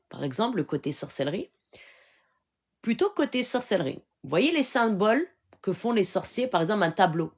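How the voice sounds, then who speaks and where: A woman giving an earnest, instructive live question-and-answer talk. She switches often between French and Arabic and keeps checking in with her listeners. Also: fairly low pitch. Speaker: spiritual healer answering questions.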